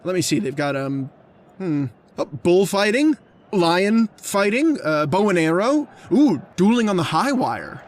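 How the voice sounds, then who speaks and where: In an old time radio drama, a man plays a lovestruck hunter, an earnest and talkative suitor, with a hesitant, stammering delivery in a chatty, casual mood. His voice is high, with big pitch swings, and a little slow.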